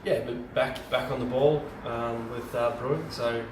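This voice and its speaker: A man's voice: medium pitch, steady tone, unhurried. Home brewer man, unscripted how-to, filler-heavy delivery, recorded on a distant camera with noticeable background hiss. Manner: rambling, lots of ums and restarts. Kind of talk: casual how-to video. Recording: roomy and distant camera mic.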